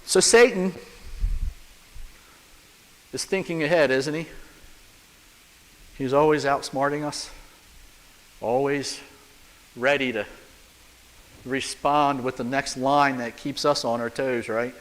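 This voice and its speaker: A man's voice: mid-range voice, fairly even intonation, takes it slowly, long pauses, fairly bright tone. Man preaching with long church reverb. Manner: conversational, rhetorical questions, humorous. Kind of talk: sermon. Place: church sanctuary.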